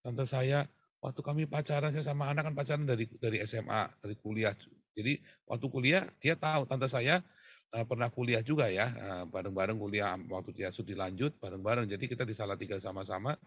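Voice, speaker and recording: Male pastor, husky, dry close sound, chatty sermon storyteller with sudden loud stresses. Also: medium pitch, brisk, no echo. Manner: conversational storytelling, swings from quiet to loud emphasis.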